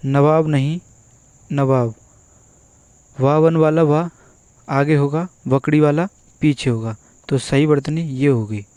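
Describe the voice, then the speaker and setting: Male tutor for exam prep, unhurried and repetitive, slightly high voice, dry close recording. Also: steady tone, warm tone, dry recording. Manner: slow, methodical, repeats each word. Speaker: Hindi teacher. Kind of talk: exam-prep spelling lesson.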